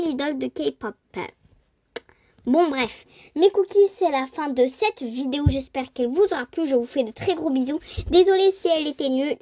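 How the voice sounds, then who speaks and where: A woman from France chatting excitedly while playing a role-play game, squealing over cute things. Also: sits high, no echo, studio quality. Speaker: gaming YouTuber. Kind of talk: casual gameplay commentary.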